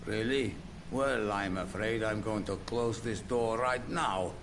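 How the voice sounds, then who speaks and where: An actor playing a curt, suspicious male gatekeeper in a game, gruff and dismissive. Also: on the low side, slow pace. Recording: noisy game audio.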